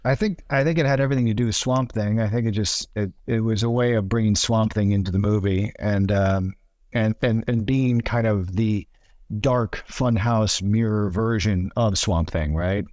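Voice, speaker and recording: A man, a screenwriter guest, recalls decisions thoughtfully, with frequent halting restarts. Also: lowish voice, a little mellow, no echo.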